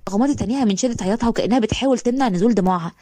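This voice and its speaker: A woman narrates a romance story in Egyptian Arabic at a rapid clip. Her voice is warm and breathy, slightly high, recorded dry and close. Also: no echo.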